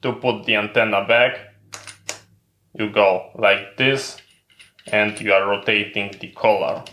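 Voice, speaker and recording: A man with a fairly low, sharp voice, fairly even intonation, and measured pace gives an instructional equipment tutorial. He proceeds methodically, step by step, in non-native-sounding English. The audio has a roomy echo.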